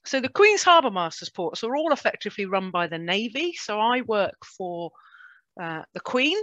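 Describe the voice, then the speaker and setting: A woman's voice: medium pitch, big pitch swings, moderate pace, fairly bright tone, no room sound. A woman with a British English accent giving an informal slide presentation over a video call. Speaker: presenter, port safety officer's assistant. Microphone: video call microphone. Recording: dull, dry webinar audio.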